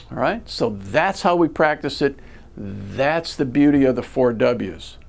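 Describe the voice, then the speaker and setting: Slowly and methodically, an American man who teaches ground school for a flight school walks the camera through a lesson, asking rhetorical questions. His medium-pitched voice carries some vocal fry. He's in an indoor video studio, miked with a shirt-clipped lavalier.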